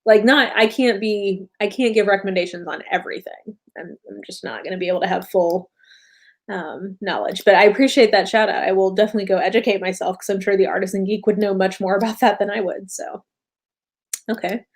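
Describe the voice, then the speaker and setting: A tired American woman chats live with her viewers at a medium pitch. She rambles, fills gaps with little hesitations and corrects herself as she goes. She laughs easily, and the talk stays loose and friendly. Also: steady tone, brisk. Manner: rambling, many fillers and self-corrections, laughs often. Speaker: booktube host. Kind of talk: casual live stream chat with viewers.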